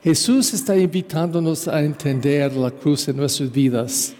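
Sacerdote con acento estadounidense, voz aguda y pausada, en iglesia con eco. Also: male voice, fairly high pitch, dark tone, long reverb tail. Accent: American English. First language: English. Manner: halting, searching for words with many fillers; storytelling, acting out dialogue. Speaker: parish priest. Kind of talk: Sunday homily.

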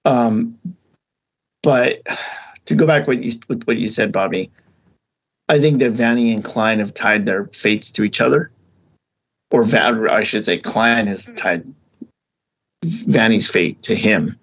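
Gravelly dude on a podcast, just chatting casually, rambles and restarts a lot. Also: male voice, fairly low pitch, unhurried, pauses often, a bit bright, muffled recording. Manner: rambling, with many restarts and fillers. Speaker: podcast co-host. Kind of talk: casual chat.

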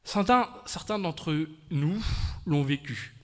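A man delivers a sermon in short, earnest bursts, pausing between phrases. His voice sits a little high. A long hall reverb trails each phrase. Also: lively intonation. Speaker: preacher. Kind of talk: sermon with live interpretation.

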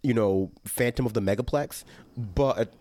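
A young man hosting a casual podcast chat, talking loosely with lots of fillers and bursting into animated, laughing asides. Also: medium pitch, measured pace, dry recording. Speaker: podcast host.

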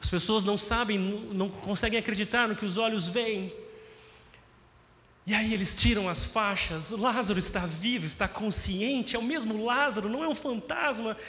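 A man's voice: high voice, moderate pace, bright, forceful tone. A man preaching a sermon, telling the story and acting out its scenes. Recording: long hall reverb.

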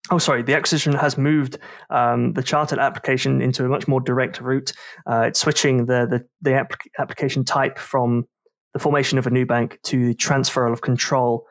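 A man talks through a podcast segment, with a rambling, self-deprecating delivery full of fillers. His voice carries a gravelly fry and sounds dry and close, with no room around it. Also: mid-range voice, dry recording. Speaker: podcast host. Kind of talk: casual podcast discussion.

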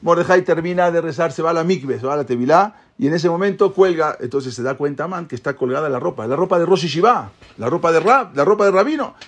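A man retelling a holiday story as a religious teacher, in a lively way, acting out the quoted lines and scattering in Hebrew terms. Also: on the high side, fast, few pauses. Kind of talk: animated storytelling lesson.

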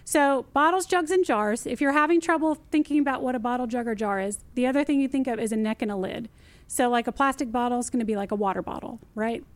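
A woman, a recycling expert explaining things in a casual interview, lively and emphatic, repeating her key phrases. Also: a little high, fast, no echo. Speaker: city recycling guest expert.

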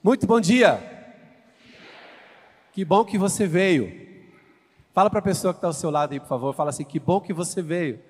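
In a church sanctuary with hall reverb and soft background music, a Brazilian guest pastor in his fifties introduces his sermon to the congregation, exclaiming and posing questions to the crowd. He speaks Brazilian Portuguese with a Goiás accent in a high-pitched, animated voice at normal speed, pausing often.

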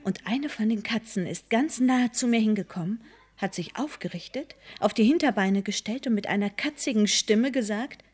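An actress playing a mother telling an eerie tale in a hushed, suspenseful children's audio drama. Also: medium pitch, moderate pace, slightly rough, lightly acted. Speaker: Jan's mother, telling her story.

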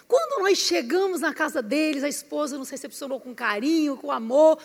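A Brazilian woman preaching a lively sermon in a church hall, acting out little scenes and rising into shouted emphasis. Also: high-pitched, moderate pace. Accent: Brazilian Portuguese. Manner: animated, switching voices, rising into shouted emphasis. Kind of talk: lively sermon with acted-out anecdotes. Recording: reverberant hall.

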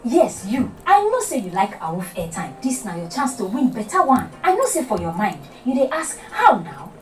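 A woman's voice: a little high, huge pitch swings, normal speed, slight background noise. A woman with a Nigerian accent giving a promotional announcement in Nigerian Pidgin. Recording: roomy, distant, light music.

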